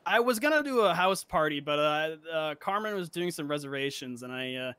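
High, lively man stumbling through fillers. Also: clean tone, dry recording. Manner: halting, filler-heavy, swears casually. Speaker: role-play player on a date. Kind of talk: in-character role-play chat.

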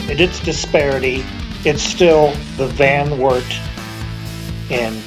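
Loud music nearly swamps this low-quality recording of a middle-aged man speaking slowly in a mid-range voice. An urban explorer vlogger, he walks an abandoned motel outdoors in the snow, chatting enthusiastically into a handheld camera at arm's length and slipping into wandering asides.

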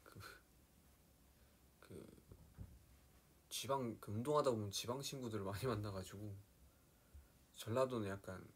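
A young man hosting a casual live stream, his voice low-set and a little husky. He talks softly, often dropping to near-whispered asides, and now and then slips into playful impressions of regional speech. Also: unhurried, long pauses. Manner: soft-spoken, drops into quiet asides, playfully mimics regional dialects.

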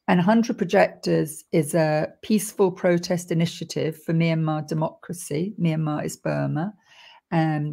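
An older woman hosting an online film premiere over a video call, speaking gently and in a measured way with frequent pauses. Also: low voice, creaky. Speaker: event host. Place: room indoors.

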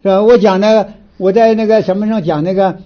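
Northeastern Mandarin man, folksy lecturer, high animated voice, restarts a lot, muffled lo-fi audio. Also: quick pace. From Northeast China. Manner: animated storyteller, frequent filler restarts. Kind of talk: folksy moral lecture with storytelling. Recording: dull lo-fi recording.

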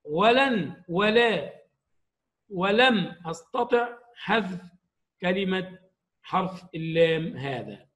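A man teaching an Arabic grammar lesson to young pupils, explaining slowly and stressing each example word. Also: high voice, animated, fairly bright tone, poor audio.

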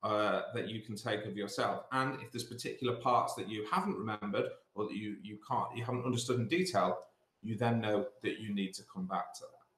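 Speaking from a small indoor office through his computer mic, a middle-aged British man who directs a school sixth form delivers exam revision advice as an assembly talk on a video call. His voice is fairly low, fairly quick and fairly bright, and he repeats points for emphasis. The audio is roomy and echoey.

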